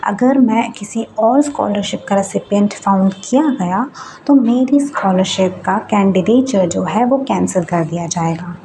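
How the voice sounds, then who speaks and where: A woman's voice: mid-range voice, dark tone, a little hiss or hum, poor audio. Young woman casually explaining a form. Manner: reads English form text slowly, then explains it in Hindi. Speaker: student vlogger.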